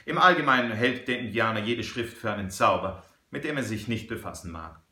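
A shrewd, unhurried frontier hunter, read by a male storyteller, laying out his reasoning in a measured and firm way. The voice is bright and forceful, with a roomy echo around it. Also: fairly low pitch, animated. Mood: calm.

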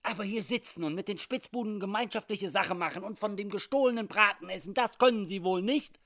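A man's voice: a little high, animated, brisk, voice pushed up. A man reading aloud and voicing an older German settler who asks, pleads and grows indignant.

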